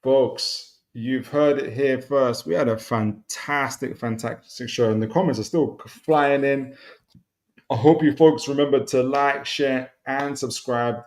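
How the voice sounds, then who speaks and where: Gravelly upbeat male football show host. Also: mid-range voice, fairly even intonation, measured pace. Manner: upbeat, sums up the show, laughs along. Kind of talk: podcast hosting and football chat.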